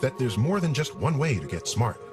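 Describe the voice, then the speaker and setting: Man, nature documentary narration, animated pitch, scripted, measured delivery, music behind.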